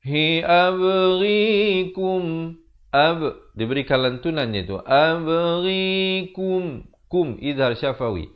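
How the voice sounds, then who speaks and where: A man with a Malaysian Malay accent teaching Quran recitation rules, moving between slow drawn-out demonstrations and quick explanations that trail off softly. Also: mid-range voice, dull audio.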